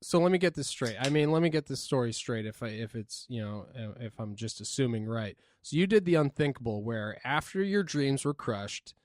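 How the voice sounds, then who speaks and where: A man's voice: medium pitch, expressive, a little fast, few pauses, no room sound. A man co-hosting a casual podcast, rambling and hesitant with lots of fillers. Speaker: podcast co-host.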